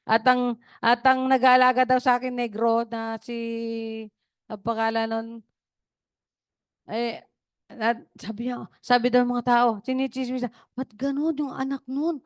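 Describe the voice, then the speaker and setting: A woman's voice: a little high, monotone, a little slow, long pauses, smooth, no room sound, studio quality. A woman preaching a sermon over a video call, talking casually, telling stories and checking in with tag questions. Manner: conversational, storytelling with tag questions. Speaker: pastor.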